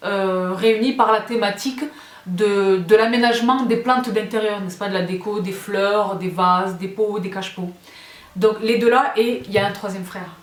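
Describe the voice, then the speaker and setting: A woman vlogging about home decor, chatty and gushing, often checking in with her viewers. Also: medium pitch. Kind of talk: casual show-and-tell vlog. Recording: roomy echo.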